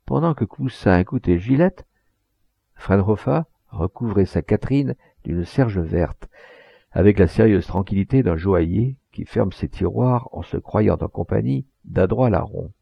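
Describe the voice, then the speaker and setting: A man narrating a literary audiobook, expressive, with occasional hesitations. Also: on the low side, measured pace, gravelly, slightly rough, dry recording. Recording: dull lo-fi recording.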